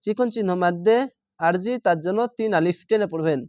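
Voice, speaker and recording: Methodical and patient, this man reads Arabic letters and syllables one at a time for Quran learners, repeating syllables and stretching the long vowels. He speaks in a high, slightly mellow voice at a fairly quick pace. The dry recording has clean studio sound.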